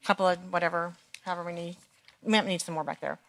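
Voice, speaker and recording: Chatty American woman leading a church class. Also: racing. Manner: chatty, playful, laughs often, rises high when excited about God. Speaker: women's ministry leader. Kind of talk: church teaching session. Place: church meeting room.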